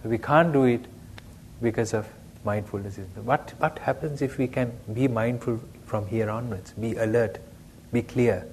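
A male meditation teacher gives an unhurried dharma talk, his voice sitting at an ordinary middle pitch. He keeps it conversational and often turns to his listeners with a question. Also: darkish tone, a little hiss or hum.

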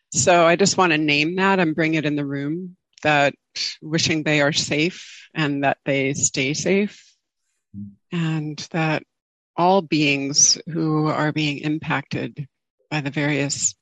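Slow, reflective woman giving a dharma talk. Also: sits low, fairly bright tone, dry recording, poor audio. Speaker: meditation teacher giving a talk. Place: online group video call.

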